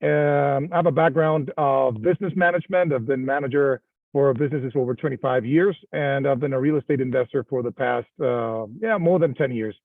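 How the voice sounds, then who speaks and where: A middle-aged man from Venezuela, a podcast guest speaking in a measured, slightly hesitant way. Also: medium pitch, vocal fry, dry recording. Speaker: guest investor. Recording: dry tinny phone line.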